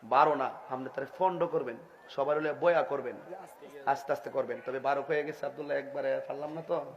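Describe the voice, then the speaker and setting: A man's voice: medium pitch, steady tone, a little fast, muffled recording. A man preaching a humorous sermon in a chatty, joking way, often laughing as he talks. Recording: live event with loud crowd.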